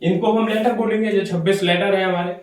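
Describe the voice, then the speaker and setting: Male English teacher, high voice, lecturing and quizzing the class, distant camera mic in a very echoey hall. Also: steady tone, a little fast. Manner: explains step by step, asks and answers his own questions. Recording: very echoey room, voice from afar.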